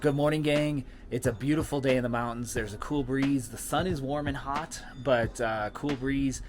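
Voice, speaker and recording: A middle-aged man hosting a casual vlog outdoors, talking in a relaxed, rambling way with many ums and uhs. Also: mid-range voice, normal speed, faint music behind. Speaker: vlog host. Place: outdoors in a mountain town.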